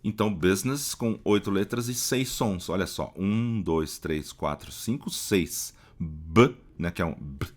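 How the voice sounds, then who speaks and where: A man teaching English phonetics in Portuguese, explaining patiently and repeating example words slowly, often checking in with the listener. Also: deep voice.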